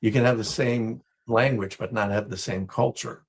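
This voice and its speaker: A man from Israel, a business guest answering interview questions in a thoughtful, measured way with many fillers. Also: lowish voice, fairly even intonation, breathy edge.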